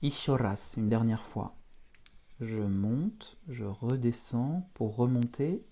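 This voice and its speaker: A man teaching beginners to write letters, talking them slowly through each stroke. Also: medium pitch, warm tone. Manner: slow, step-by-step instruction. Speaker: Russian teacher. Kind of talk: handwriting lesson for beginners.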